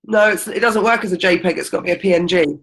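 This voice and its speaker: A woman's voice: lowish voice, fast, gravelly, fairly bright tone, poor audio. A woman runs an indoor team meeting, chatty and upbeat. She fills gaps with ums and keeps the group going. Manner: chatty and encouraging, with many ums. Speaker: team leader. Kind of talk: casual team meeting talk.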